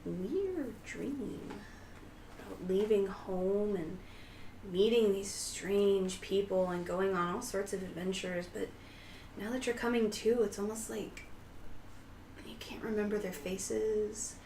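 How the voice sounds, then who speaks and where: A woman's voice: mid-range voice, slow pace, a little mellow. Casual woman running a tabletop game. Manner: casual, rambling, giggly. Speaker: game master. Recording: roomy, distant mic, faint hiss.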